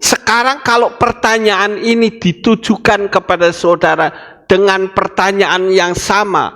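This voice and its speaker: A man with a Javanese accent preaching a sermon as a pastor, acting out dialogue with a preachy, animated delivery. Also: sits high, a little slow. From Indonesia.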